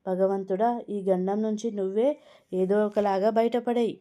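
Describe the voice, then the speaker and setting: A woman's voice: medium pitch, fairly even intonation, normal speed, mellow, close to an everyday voice. A woman reading a storybook aloud, voicing a polite young woman who speaks anxiously and with hesitation.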